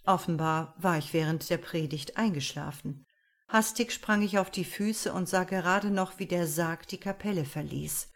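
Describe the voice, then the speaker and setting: A woman reads an audiobook aloud with measured, expressive storytelling. Her voice sits on the lower side for a woman and she shapes each sentence with care. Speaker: narrator. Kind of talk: audiobook narration.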